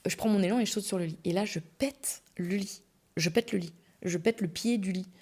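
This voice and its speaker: A young woman spins a frank personal story for her podcast, loose and slangy, stumbling through plenty of fillers. Her mid-pitched voice carries a gravelly, fry-tinged edge. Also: a little fast, a little mellow. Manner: chatty, candid and slangy, full of "euh" fillers. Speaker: podcast host. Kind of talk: casual storytelling.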